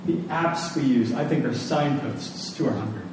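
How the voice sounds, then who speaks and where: Here a man of medium pitch speaks at a moderate pace with a slightly mellow quality, preaching a sermon full of rhetorical questions and repeated phrases for emphasis. A distant microphone in a very echoey room captures it, along with faint noise.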